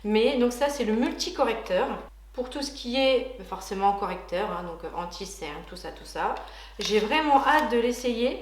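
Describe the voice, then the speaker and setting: Chatty high-voiced woman in a roomy space. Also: animated, moderate pace, a little hiss or hum. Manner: chatty, enthusiastic, many hesitation fillers. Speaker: beauty vlogger. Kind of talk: casual product unboxing chat.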